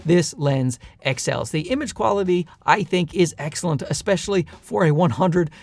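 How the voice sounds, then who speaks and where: A man's voice: on the high side, expressive, normal speed, gravelly, darkish tone. Leprechaun-voiced man reviewing gear. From Newfoundland, Canada. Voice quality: light, leprechaun-like voice. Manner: chatty, enthusiastic, with dry self-deprecating asides. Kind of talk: casual product review to camera.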